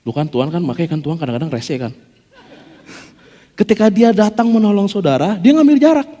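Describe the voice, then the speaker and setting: Speaking briskly in a somewhat high voice, the pastor keeps his sermon casual and playful. He acts out quotes with animation, and the church hall gives the recording a long reverb.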